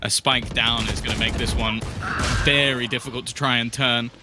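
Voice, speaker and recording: A man's voice: mid-range voice, fairly even intonation, moderate pace, music in the background. A man giving live esports caster analysis in a conversational, explanatory way. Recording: clearly noisy, game gunfire and clicks.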